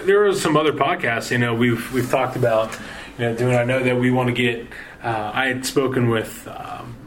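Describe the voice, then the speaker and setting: A man's voice: medium pitch, poor audio. Male sports podcast host, worn out, loose rambling delivery with ums, faint background hiss. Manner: rambling, halting sign-off with many fillers. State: tired. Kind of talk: casual sports podcast chat.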